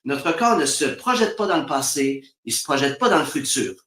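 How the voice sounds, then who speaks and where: On a live stream, a spiritual guest from Quebec speaks casually in a Québécois French accent, laughing frequently and voicing the people he quotes. His mid-range voice swings widely in pitch at a normal speed, slightly bright. The room is echoey.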